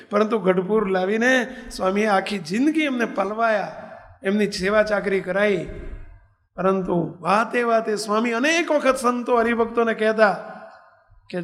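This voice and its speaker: A male preacher telling a story in a sermon, asking rhetorical questions of his listeners. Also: sits high. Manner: animated, rhetorical questions to the audience. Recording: long hall reverb.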